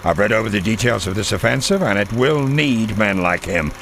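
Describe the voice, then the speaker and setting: A male actor with a lowish voice voices a formal, authoritative middle-aged American intelligence colonel from the Second World War, briefing officers in a game cutscene. His scripted mission briefing is measured and crisp, broken by weighty pauses, yet animated, and the mood is grave and admiring. There is noise in the background.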